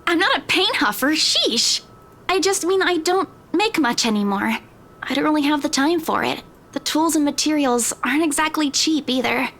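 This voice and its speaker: Woman reading a young, high-voiced, babbling estate agent; eager and a little defensive. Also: expressive, normal speed, a bit bright. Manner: bubbly and babbling, then defensive. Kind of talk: reading a visual novel aloud.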